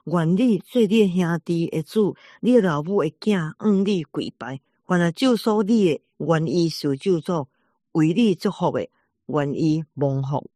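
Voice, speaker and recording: Aged man Isaac in a scripture reading, read by the narrator, solemn blessing tone, plain even delivery, dry close sound. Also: mid-range voice, measured pace, no room sound, close to an everyday voice.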